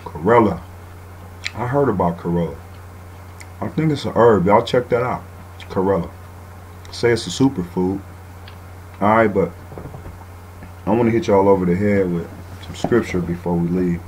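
A man's voice: sits low, moderate pace, pauses often, darkish tone, slight background noise, rough recording. A man hosting an online radio show, reading passages aloud and then commenting loosely, often ending lines with "man.". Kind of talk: casual talk-radio commentary.

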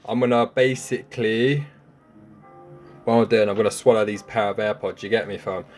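A man's voice: lowish voice, level tone, moderate pace, a little mellow, faint music behind. A young man with a London accent talking casually and brashly in slang and swearing, recorded on a phone at arm's length indoors. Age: young adult. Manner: brash, slangy, sweary, repeating tag questions. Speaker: stunt challenge vlogger. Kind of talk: casual slangy vlog talk. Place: small room indoors at home.

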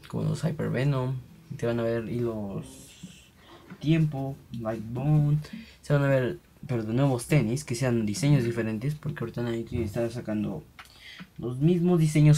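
A young man gives loose, rambling commentary while he plays, now and then voicing the sounds of his digging aloud. His voice has a mellow, warm tone. Faint music plays quietly underneath him. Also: mid-range voice. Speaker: gaming channel host. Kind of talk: casual gameplay commentary.

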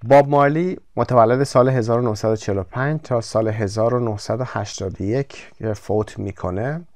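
A man whose first language is Persian, teaching an English textbook lesson, explaining in Persian and reading the English slowly and carefully. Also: medium pitch, darkish tone, dry recording, studio quality. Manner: switches between Persian explanation and slow, careful English read-aloud.

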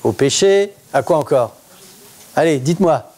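High-voiced man preaching to his church. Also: a little slow. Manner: interactive, asks the congregation questions; lively, conversational preaching. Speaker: pastor. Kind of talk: sermon.

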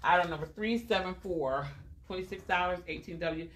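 A woman's voice: fairly low pitch, moderate pace, slight background noise. A woman hosting a casual live clothing sale from a boutique, chatty and repeating item numbers and prices. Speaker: host selling clothes on a live stream.

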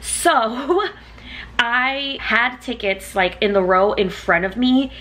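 A young woman chatting in a casual vlog in her groggy morning voice, rambling and excitable, recorded indoors. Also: on the high side, slow pace. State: sleepy morning voice. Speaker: concert vlogger.

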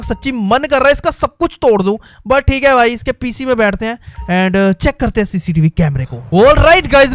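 A young man hosting a gaming channel, giving excitable let's-play commentary and often shouting in mock anger. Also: very high voice.

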